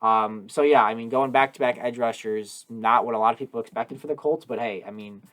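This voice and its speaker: A man's voice: mid-range voice, brisk, fairly bright tone. A man hosting a casual sports discussion podcast, talking eagerly and at length with emphatic analysis. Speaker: podcast host.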